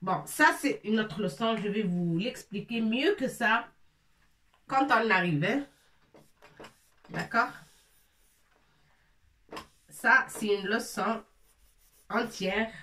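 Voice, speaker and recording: A woman teaching a lesson in French, slowly drilling syllables as she writes on a board. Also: mid-range voice, animated, pushed and bright. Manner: slow, repetitive, drilling syllables. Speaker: Arabic teacher. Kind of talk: casual classroom lesson, writing on a board. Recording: echoey room, mic at a distance.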